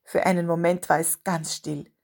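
A woman reading a children's story aloud in a steady, expressive way. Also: fairly low pitch, normal speed.

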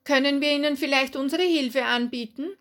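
A woman voicing a calm, courteous male stranger who offers help in a read-aloud story. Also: high voice, normal speed, pitched above the performer's own voice. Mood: kindly. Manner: calm, kindly. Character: friendly helpful stranger man, calm and courteous.

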